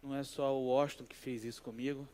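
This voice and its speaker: A man, a pastor giving a sermon in an animated, conversational way and telling a personal story. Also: medium pitch, quick pace. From Brazil.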